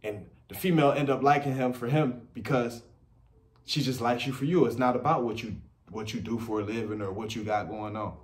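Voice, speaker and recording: A man's voice: mid-range voice, a little fast. A man, giving blunt dating advice in a casual monologue full of slang and repetition. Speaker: dating commentator.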